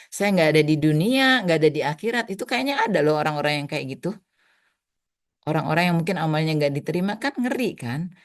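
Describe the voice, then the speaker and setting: A middle-aged woman sharing a personal near-death story in an emotional, storytelling way, often dropping to a hush. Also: sits low. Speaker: guest speaker. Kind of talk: personal testimony.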